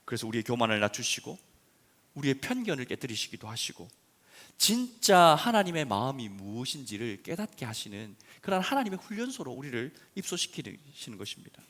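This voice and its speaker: A male pastor delivering a sermon in a church, swinging between quiet talk and loud emphasis. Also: medium pitch, a little fast. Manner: animated preaching, swinging from soft to loud emphasis.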